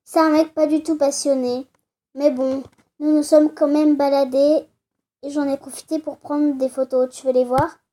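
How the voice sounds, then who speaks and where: A woman's voice: sits high, level tone, normal speed, dark tone, lightly acted. A woman reading out the lines of a friendly young woman in a dating game, in a plain reading voice. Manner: reads the on-screen lines plainly.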